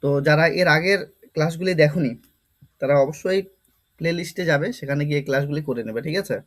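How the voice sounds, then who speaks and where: Guy teaching vocab class, fairly high voice, keeps repeating stuff and asking questions. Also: fast talker. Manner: explains step by step, repeats words and asks rhetorical questions. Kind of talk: vocabulary lesson.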